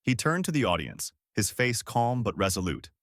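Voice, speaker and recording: A man's voice: on the low side, very animated, normal speed, fairly bright tone, no echo, studio quality. A man reading a dramatic scripted story as its narrator.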